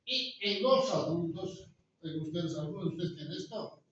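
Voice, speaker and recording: A man's voice: high voice, lively intonation, moderate pace, fairly bright tone, a little hiss or hum. A man giving a classroom lecture, often asking the students rhetorical questions. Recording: echoey, distant, dull room recording.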